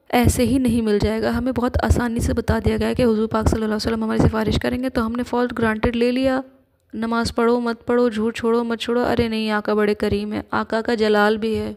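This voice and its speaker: Earnest woman, gravelly and flat. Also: fairly high pitch. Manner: earnest, personal testimony. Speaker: religious speaker. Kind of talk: reflective religious talk.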